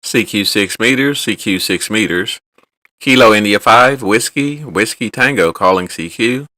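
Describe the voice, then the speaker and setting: A man calling CQ over the air as a contesting ham radio operator, reading his call sign in the phonetic alphabet in a loud, sing-song repeated ham radio call. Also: fairly low pitch, animated, unhurried, no echo.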